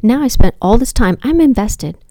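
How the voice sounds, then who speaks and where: A woman in her thirties or forties, a mother of four, telling a personal story in an animated, self-deprecating way and talking straight to the listener. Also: fairly high pitch, normal speed, no room sound.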